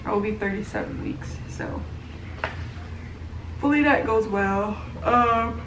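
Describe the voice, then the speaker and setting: A woman's voice: mid-range voice, measured pace, fairly bright tone, far from the mic. A tired, heavily pregnant woman in her thirties giving a rambling, casual update, with lots of fillers and restarts. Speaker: vlogger. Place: at home, room with echo. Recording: roomy, from the mic, noisy home.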